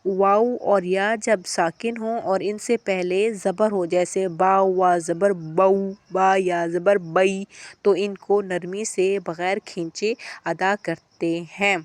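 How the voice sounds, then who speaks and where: A woman with a Pakistani Urdu accent teaching a Quran recitation lesson. She draws out each practice word slowly, then explains the rules quickly. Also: medium pitch, flat delivery, no room sound. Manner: stretches practice words slowly, explains briskly between them. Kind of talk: tajweed lesson with slow drilled recitation.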